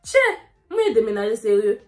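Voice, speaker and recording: A young woman, telling a dramatic story in a lively way while doing her makeup. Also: medium pitch, fairly quick, faint music behind. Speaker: beauty vlogger.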